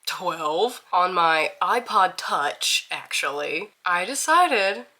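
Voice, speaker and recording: A woman's voice: lowish voice, lively intonation, takes it slowly, bright, forceful tone. A woman of twenty from Mississippi, chatting candidly to camera in a casual intro vlog and laughing at herself. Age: 20s. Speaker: vlogger.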